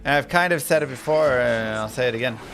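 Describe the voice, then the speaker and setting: A man's voice: medium pitch, fast talker. A man talking casually as a game streamer, rambling along in informal gamer slang. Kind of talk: casual live-stream chat about a video game. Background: music.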